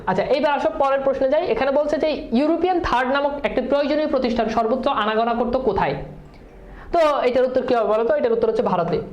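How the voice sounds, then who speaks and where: A woman teacher with a high-sitting, darkish voice quizzes students during exam-prep, moving through rapid questions and answers while slipping English words into her speech. The sound is roomy and lo-fi.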